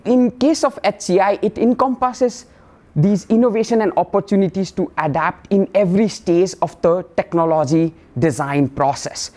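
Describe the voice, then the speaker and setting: A man's voice: on the high side, a little mellow. Man giving a lecture. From Nepal. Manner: measured, explanatory, frequent "uh" fillers. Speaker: professor giving a colloquium talk. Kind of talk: academic lecture. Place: classroom lecture room.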